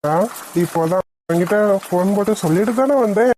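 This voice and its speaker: A woman's voice: medium pitch, fairly quick, warm tone, slight background noise, voice pushed down, close to an everyday voice. A woman voicing a nervous, bashful, hulking young male doctor who mutters to himself in a cartoon. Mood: sheepish. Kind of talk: cartoon voice acting.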